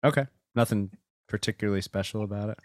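A man's voice: on the low side, fast talker, no room sound, studio quality. A man hosting a casual video call chat, talking in a thoughtful, hedging way with many fillers.

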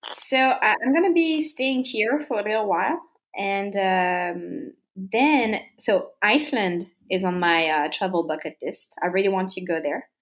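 A woman's voice: mid-range voice, unhurried. A woman in her thirties with a French accent, chatting as an interview guest, with plenty of fillers and frequent laughter. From France. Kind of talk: casual conversational interview.

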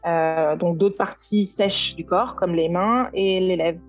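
A woman's voice: on the low side, takes it slowly, lo-fi sound, soft background music. A woman in her thirties from France, a guest on a podcast interview, speaking hesitantly with many fillers. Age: 30s. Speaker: guest, skincare founder.

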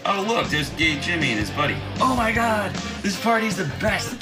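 Man acting a sardonic young cartoon guy, cocky, wry, animated pitch, background music. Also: moderate pace. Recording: music behind the voice.

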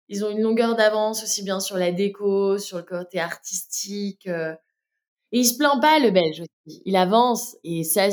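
A woman's voice: lowish voice, a little mellow. A woman from France with a French accent, a brand co-founder speaking candidly in a casual interview, with frequent hesitations. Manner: many fillers and restarts, candid.

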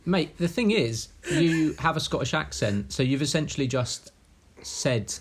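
A man's voice: a little high, expressive, unhurried, slight background noise. Man, 30s, southern English accent, laid-back, guest, faint clicks. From south of England. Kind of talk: casual chat on a video call. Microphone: video call.

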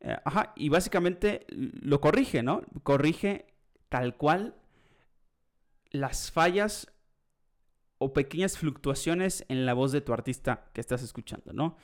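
A man's voice: fairly high pitch, lively intonation, slow. A young man hosting a podcast, chatting casually and rambling with many fillers and asides. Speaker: podcast host.

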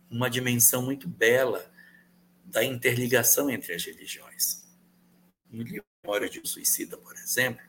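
A man answering viewer questions in a calm, measured explanatory talk, repeating key phrases for emphasis. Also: fairly low pitch, a little hiss or hum. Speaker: spiritist guest answering questions.

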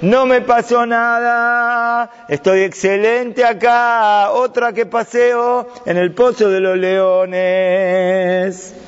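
Serene faithful hero, voiced by a man, slow and high, dull hall echo. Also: flat delivery, clear, resonant tone. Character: calm faithful man, unharmed among lions. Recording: dull sound with long hall reverb.

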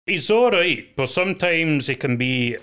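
A man's voice: fairly high pitch, expressive, measured pace, sharp tone, clear, resonant tone. A man with a broad west of Scotland accent, telling his stories casually as an interview guest in a sweary, emphatic, repetitive way. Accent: broad Scottish, west of Scotland. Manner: sweary, emphatic and repetitive, often tagging "you know". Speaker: podcast guest.

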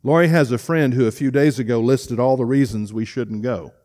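A middle-aged man delivers a sermon from the front of a church. He speaks earnestly and with emotion, stumbling and restarting now and then. His voice sits in an ordinary middle pitch. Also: fairly quick, a little mellow. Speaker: pastor. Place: church sanctuary.

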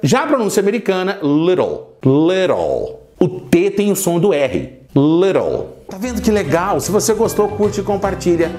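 A man giving a podcast English lesson, demonstrating words slowly and repeating them. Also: high-pitched, lively intonation, darkish tone, soft background music. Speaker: English teacher.

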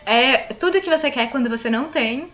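Casting note: young Brazilian woman, podcast co-host, fairly high voice, heartfelt and earnest. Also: animated, a little fast, fairly bright tone. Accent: Brazilian Portuguese. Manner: earnest, openly emotional. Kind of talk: casual chat.

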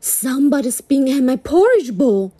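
A woman voicing a big, grumbling father bear in a storybook reading, loud and gruff. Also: sits high, big pitch swings, moderate pace, heavily acted.

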